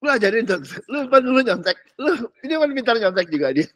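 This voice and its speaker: A man's voice: very high voice, big pitch swings, a little fast, fairly bright tone, dry recording. A man preaching a sermon with a Jakarta accent, blunt and joking in street slang, reading scripture aloud between remarks. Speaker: pastor.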